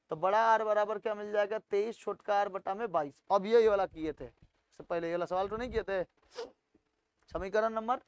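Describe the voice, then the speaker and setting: High-voiced maths tutor. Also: male voice, clean tone, dry recording. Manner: coaxing, asks students questions, then answers them. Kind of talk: solving textbook problems aloud.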